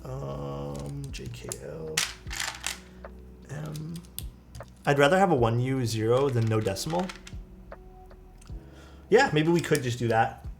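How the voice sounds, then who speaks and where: Slow and pausing often, a man with a soothing mid-range voice chats casually on a live stream as he builds a keyboard, reading viewer chat aloud and replying in a relaxed, chatty way. Background music comes through clearly under his voice along with keyboard clacking and a little hiss or hum.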